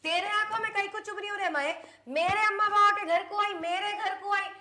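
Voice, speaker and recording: A woman's voice: extremely high pitch, fairly even intonation, brisk, sharp tone. A woman playing a married daughter who keeps complaining and feeling sorry for herself, with a Hyderabadi accent. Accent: Hyderabadi Urdu. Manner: complaining, self-pitying.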